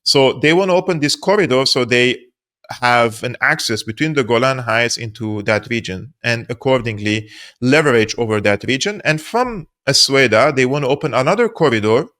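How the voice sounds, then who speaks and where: A man's voice: mid-range voice, sharp tone. A man from Syria, a guest analyst in an interview, explaining at length in an earnest, emphatic way and repeating points for stress. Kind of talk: interview answers.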